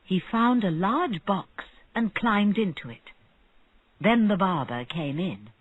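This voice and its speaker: Slow, expressive storytelling woman. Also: mid-range voice, no echo, phone-quality sound. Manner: clear, deliberate, expressive. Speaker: narrator. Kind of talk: slow storybook reading for learners.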